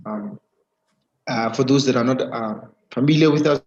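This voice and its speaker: A man hosting a live webinar interview over an online video call with a weak connection, talking haltingly with many fillers and restarts. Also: medium pitch, a little mellow. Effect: heard over an online video call with a weak connection. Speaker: webinar host. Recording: dull, muffled video call audio.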